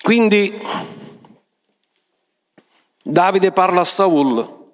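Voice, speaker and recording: A man's voice: expressive, very slow. A man preaching a sermon, retelling scripture and stressing points by raising his voice. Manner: emphatic, often rising in pitch for stress; storytelling, retells scripture with commentary.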